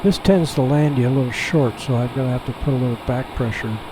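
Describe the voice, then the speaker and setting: A man talks through a pilot's cockpit headset mic, his voice sitting at a middling pitch. He thinks aloud in an easygoing, folksy way as he flies. Steady engine hum runs clearly underneath. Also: fast. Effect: pilot cockpit headset sound. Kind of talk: casual running commentary while flying. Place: aircraft cockpit in flight.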